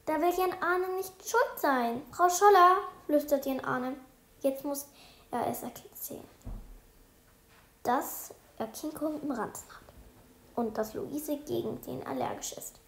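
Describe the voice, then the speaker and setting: High-voiced woman reading a children's book. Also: unhurried. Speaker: storyteller. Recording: roomy echo.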